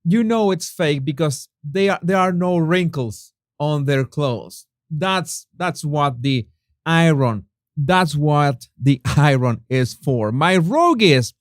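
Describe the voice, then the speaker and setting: A Venezuelan YouTube host speaking English with a Spanish accent reads viewer comments in a casual chat, often restarting sentences, using fillers and laughing at his own jokes. His voice is a little high and expressive, and he takes his time. The clean studio sound has no room sound.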